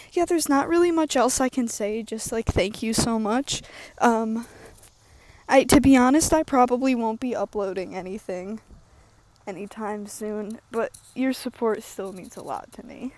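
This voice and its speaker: A young woman with a slightly high voice rambles through a casual walking vlog, filling her sentences with ums and likes. Her humor is dry and self-mocking, and she sounds a little winded from walking. She talks outdoors into an earbud headset mic. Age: young adult. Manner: rambling, filler-heavy, self-deprecating, deadpan humor. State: slightly out of breath from walking uphill. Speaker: YouTuber. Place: outdoors at the edge of woods. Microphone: wired earbud headset mic, phone held low.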